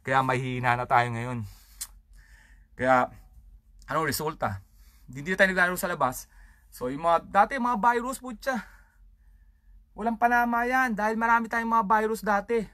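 A comedian hosts his own show with a crude, rambling rant full of swearing. His voice is bright and forceful. The sound is dry and close, with no room echo. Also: high voice, steady tone, moderate pace, long pauses. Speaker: comedian host. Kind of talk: casual stand-up style rant.

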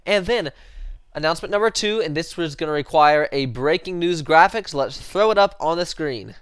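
A young adult sports channel host with a head cold hosts casual football commentary, rambling and self-correcting with many fillers, into a headset mic in a small room before a sports-print backdrop. His slightly nasal voice is a little high, fairly bright and smooth, with lively intonation at normal speed.

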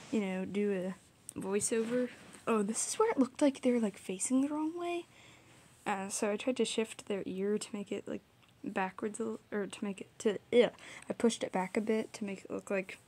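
A woman's voice: mid-range voice, mellow. A young woman giving a casual, rambling, self-deprecating voiceover for her art video, recorded on a small audio recorder. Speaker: art vlogger. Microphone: small audio recorder, drifts off mic.

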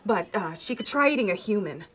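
A woman's voice: mid-range voice, expressive, a little fast, a bit bright, a little hiss or hum, lightly acted. A woman playing an awkwardly apologetic doctor in a comedy sketch. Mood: grave, awkward. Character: uneasy, apologetic female doctor.

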